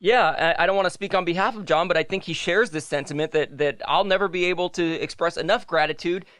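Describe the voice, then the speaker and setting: A man's voice: high voice, fast talker, fairly bright tone, no echo. A young man co-hosting a podcast in casual chat, rambling and correcting himself, often laughing. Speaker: podcast co-host.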